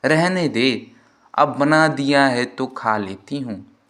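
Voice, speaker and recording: A man voicing a bossy, sharp-tongued old mother-in-law who scolds constantly. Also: medium pitch, slow. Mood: grumbling.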